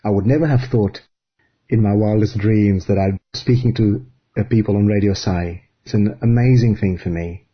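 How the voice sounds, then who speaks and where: Fiji-raised guy, really husky low voice, slow earnest spiritual talk, kinda dull lo-fi sound. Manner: earnest, measured, phrase by phrase. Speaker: guest speaker.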